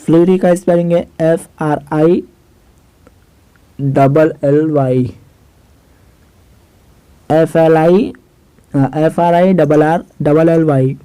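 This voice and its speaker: A man's voice: on the high side, fairly even intonation, slow pace, long pauses, warm tone, clear, resonant tone, no echo, rough recording. A young man teaching English word meanings, spelling each word out letter by letter and repeating the meanings. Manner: addresses viewers as "guys". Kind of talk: vocabulary lesson.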